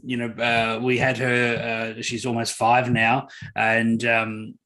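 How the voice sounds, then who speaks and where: A man's voice: medium pitch, monotone, slow pace, sharp tone. A middle-aged man, a guest on a podcast interview, talking earnestly with lots of "um" and "uh". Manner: earnest, storytelling, many fillers. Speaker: guest speaker.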